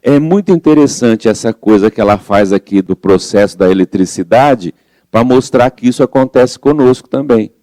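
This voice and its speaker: A man's voice: mid-range voice, lively intonation, moderate pace, warm tone, dry recording. A man leading a study group, explaining a spiritual book and reading passages aloud in a conversational way that asks the group questions.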